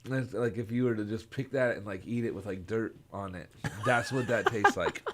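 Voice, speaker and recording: A man with a fairly low voice chats casually as a podcast co-host. He talks in a halting way, circling back and repeating words as he goes, in a joking, conversational style. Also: a bit bright, a little hiss or hum. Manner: halting, repeats himself with frequent 'like'. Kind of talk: casual chat, joking banter.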